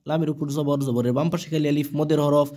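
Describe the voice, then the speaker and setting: A man's voice: fairly high pitch, fairly even intonation, fast talker, mellow. A man with a Bangladeshi Bengali accent teaching Quran reading, spelling each syllable aloud and then drawing out the joined word. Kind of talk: slow letter-by-letter recitation lesson.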